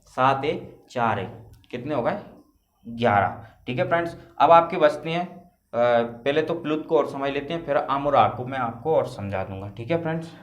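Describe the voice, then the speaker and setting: A man's voice: mid-range voice, lively intonation, normal speed, echoey room. A male teacher giving a classroom lecture, explaining step by step and answering his own questions.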